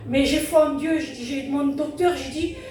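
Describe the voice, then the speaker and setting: High-voiced woman testifying. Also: normal speed, darkish tone, slight background noise. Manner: earnest retelling, constantly repeating "I said" and "he said". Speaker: church member giving testimony. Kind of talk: spoken testimony at a church service. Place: church hall during a service. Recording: very echoey hall, distant mic, music behind.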